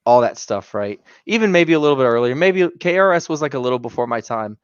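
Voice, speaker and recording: A man's voice: medium pitch, expressive, fast talker, clear, resonant tone, dry recording. Eager thirties guy, slightly dull audio. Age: 30s. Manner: eager, lots of "like" fillers. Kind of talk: casual chat.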